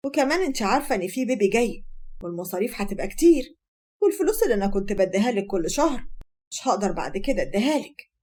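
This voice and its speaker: A woman's voice: mid-range voice, sing-song, very fast, dark tone. A woman voicing a firm young Egyptian husband who gives orders to his wife and mother-in-law. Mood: calm. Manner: firm, commanding. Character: stern young husband, calm then domineering.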